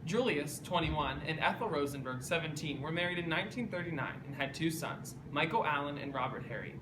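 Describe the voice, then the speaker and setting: A man's voice: on the high side, lively intonation, fairly quick. Distant, echoey male student news reporter. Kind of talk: scripted narration of a history report. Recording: distant mic, echoey room, loud background noise.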